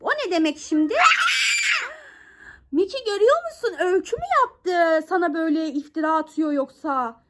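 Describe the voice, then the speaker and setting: High, lively woman mock-scolding. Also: normal speed, shouting. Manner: mock-scolding, questioning, animated. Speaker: vlogger playing with a child. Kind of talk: playful scolding vlog.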